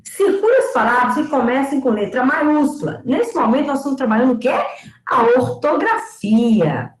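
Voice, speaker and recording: A high-voiced woman lecturer with a lively, swooping delivery teaches an online lesson. She speaks slowly and sounds words out syllable by syllable. The room is echoey. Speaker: pedagogy lecturer.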